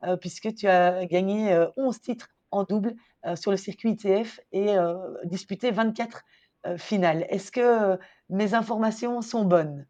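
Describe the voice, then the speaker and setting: A woman's voice: medium pitch, normal speed, mellow, dull audio. Female podcast interviewer, mid-range voice, hesitant phrasing, conversational. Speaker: podcast host.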